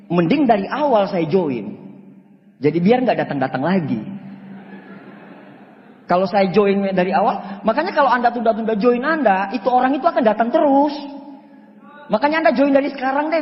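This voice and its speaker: A young man from Indonesia giving an animated motivational talk, telling a story and acting out both sides of it. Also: very high voice. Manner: acts out both sides of the story, laughing, shouting quoted lines. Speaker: motivational speaker. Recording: echoey hall, dull sound.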